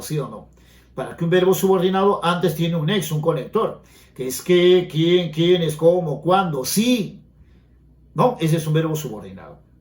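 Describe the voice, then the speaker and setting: High-voiced male grammar teacher, echoey room. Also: darkish tone. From Peru. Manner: explanatory, asks students frequent check questions. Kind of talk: exam-prep grammar lesson.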